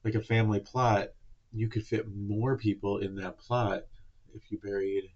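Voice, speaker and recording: A man's voice: fairly low pitch, flat delivery, normal speed, dull audio. A man co-hosting a podcast in casual chat, easygoing with dry humor. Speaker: podcast co-host.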